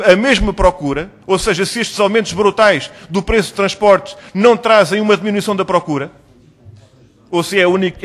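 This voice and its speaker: A man speaking with a European Portuguese accent questions a government official in a parliamentary hearing. His voice sits high for a man. He presses with pointed, rhetorical questions and keeps demanding concrete answers. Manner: insistent, probing, rhetorical questions. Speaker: member of parliament questioning a minister.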